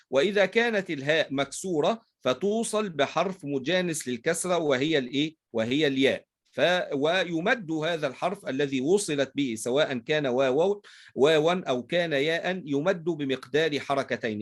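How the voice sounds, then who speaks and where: A man with an Egyptian Arabic accent teaching a recitation class, posing questions to his students and answering them himself. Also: a little high. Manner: asks leading questions and fills in the answers, checks in with "right?". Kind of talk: explaining tajweed rules in a class.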